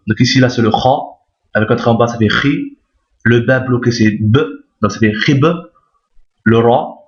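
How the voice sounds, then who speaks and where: Patient man teaching in a roomy echo. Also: mid-range voice. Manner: patient, repeats key points, often checks with "d'accord?". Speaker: Arabic reading teacher. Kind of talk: step-by-step lesson explaining letters on screen. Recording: roomy, dull lo-fi recording.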